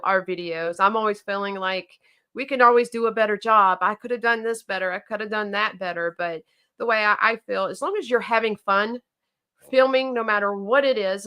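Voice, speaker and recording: A woman's voice: medium pitch, fairly bright tone, clear, resonant tone. A woman with a Southern accent, co-hosting a casual livestream and chatting about viewer comments with plenty of fillers and restarts. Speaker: co-host of a knife company livestream.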